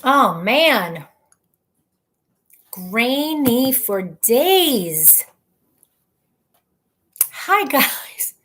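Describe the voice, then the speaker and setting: A chatty woman hosts a casual livestream from home, talking into her computer's built-in mic. Her voice sits a little high, and she greets viewers one by one with a light, self-mocking humor. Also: sing-song, extremely slow, pauses often, a bit bright. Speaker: livestream host. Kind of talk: casual live-stream chat. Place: at home, indoors. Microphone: computer webcam mic.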